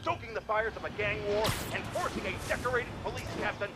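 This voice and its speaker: A man's voice: high-pitched, a little fast, over a noisy crowd, natural voice. An actor playing a blustering, pompous male talk-radio host who rants indignantly. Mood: indignant ranting.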